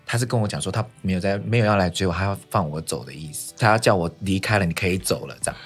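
Guest songwriter, male, Taiwanese Mandarin accent, husky and fast-talking, chatty with many restarts. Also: deep voice, soft background music. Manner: laughs often, many restarts and affirmations. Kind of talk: casual interview chat.

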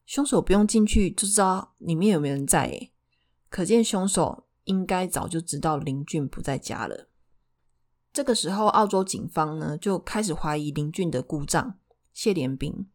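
A woman's voice: fairly low pitch, lively intonation, normal speed, a little mellow. A woman with a Taiwanese Mandarin accent telling true crime in a conversational way as a narrator, putting questions to her listeners. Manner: poses rhetorical questions to listeners.

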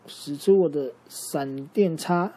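A bold young ninja turtle fighter in a storybook, as a man puts him on, giving boastful, commanding calls. The voice stays close to the teller's own, a little raised and husky. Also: a little high, slow, mellow.

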